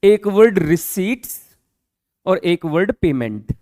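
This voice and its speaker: High-voiced man teaching accounting, dry sound. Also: lively intonation, takes it slowly, darkish tone, no room sound. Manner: explains patiently, repeats key terms, quizzes listeners with checking questions. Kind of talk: classroom lecture.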